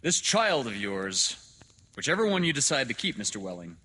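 A man voicing an overbearing elderly male doctor in a storybook reading, lecturing loudly and emphatically. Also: medium pitch, sing-song, moderate pace, husky, pitched above the performer's own voice, heavily acted, rough recording. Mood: condescending, effusive.

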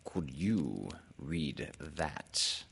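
A pompous owl from a storybook, acted out by a man, in a very low, husky voice. He speaks slowly and deliberately, full of self-importance, with a gravelly creak. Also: big pitch swings, a bit bright, full character voice. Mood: anxious, self-important. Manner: drawn-out, deliberate, pompous delivery. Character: Owl, pompous, self-important male bird, a little anxious. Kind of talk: storybook character voice in a read-aloud.

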